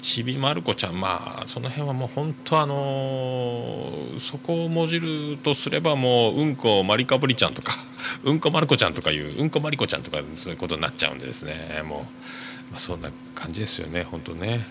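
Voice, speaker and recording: A man hosting a podcast, reading listener mail aloud and chatting casually in a rambling, hesitant way full of drawn-out fillers. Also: medium pitch, animated, fairly bright tone, slight background noise. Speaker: podcast host.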